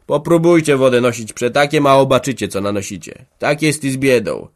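A man's voice: mid-range voice, fairly quick, pitched above the performer's own voice, lightly acted. A man voicing a stubborn, hard-hearted old peasant farmer who speaks harshly and emphatically in an audiobook. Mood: stubborn, defiant. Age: older. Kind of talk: audiobook character voice.

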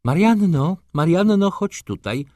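A fretful baroness fusses in a thin, raised voice that leaps up and down, performed by a man reading the story. She sounds perpetually rattled and hurried. The recording is close and dry. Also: mid-range voice, very animated, no echo, pitched above the performer's own voice. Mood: calling out. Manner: agitated, hurried exclamations. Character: flustered aristocratic lady, baroness, easily upset.

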